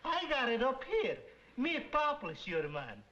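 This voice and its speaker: An actor playing a proud Greek immigrant student with a Greek accent, making a grand little speech. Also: male voice, very high-pitched, wildly swooping pitch, normal speed, sharp tone, exaggerated voice. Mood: grandiose. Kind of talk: 1960s sitcom acting. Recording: faintly hissy, dull old TV soundtrack.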